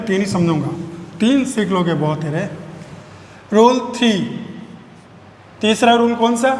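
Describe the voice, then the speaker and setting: High-voiced male teacher. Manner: repeats key phrases slowly, spells words letter by letter. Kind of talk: classroom grammar lesson. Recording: echoey room with long reverb, faint noise.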